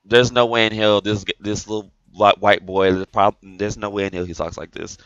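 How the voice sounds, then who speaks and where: A man giving an exasperated opinion rant to camera, repeating himself and filling pauses with "like". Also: fairly low pitch, little pitch movement, a bit bright, smooth, no echo, lo-fi sound. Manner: exasperated, repetitive, heavy on "like" fillers. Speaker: gaming video creator.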